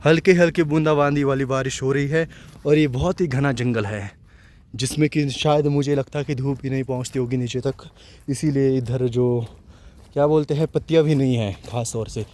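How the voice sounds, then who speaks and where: A man's voice: medium pitch, fairly even intonation, normal speed. Chatty man vlogging in a forest. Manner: chatty, talks loudly to warn animals. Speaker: nature vlogger. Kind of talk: walking forest vlog narration. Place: dense forest outdoors in light drizzle.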